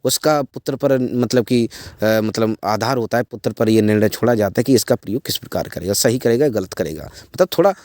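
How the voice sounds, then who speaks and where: A man's voice: fairly low pitch, fairly quick, hardly any pauses, darkish tone, dry recording, clean studio sound. A man explaining a ritual step by step to his viewers in a rambling way, repeating himself and leaning on filler phrases. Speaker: occult ritual channel host. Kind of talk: spoken ritual instructions to viewers.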